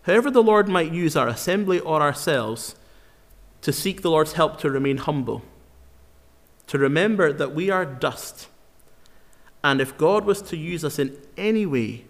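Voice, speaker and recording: A man preaching a sermon in an earnest, emphatic way, slowing down to repeat key phrases for weight. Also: fairly high pitch, expressive. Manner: earnest, emphatic, with slow dramatic repetitions. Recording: long hall reverb.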